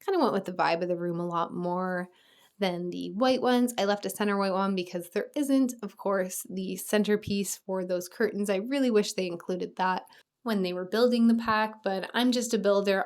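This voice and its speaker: A woman's voice: medium pitch, moderate pace. A young woman chatting through a voice-over of her video game build, upbeat with small laughs, her voice a little worn. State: slightly losing her voice. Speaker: game building channel host.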